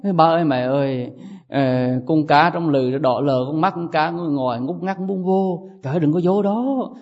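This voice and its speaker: A man's voice: on the high side, moderate pace, in a large hall, dull audio, natural voice. A man voicing a young novice monk who gripes and pleads to his parents about temple life. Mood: whining. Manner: exaggerated griping, pleading.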